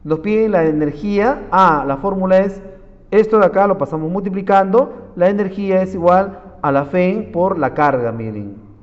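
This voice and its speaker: High-voiced man teaching physics. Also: moderate pace. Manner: keeps saying "miren", quizzing students. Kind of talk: classroom lecture solving problems. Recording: dull audio with long reverb.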